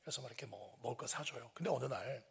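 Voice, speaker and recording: A middle-aged male pastor telling a story in a sermon, acting out shouted quotes. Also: medium pitch, very fast, vocal fry, slightly rough. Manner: animated, acts out shouted quotes. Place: church sanctuary.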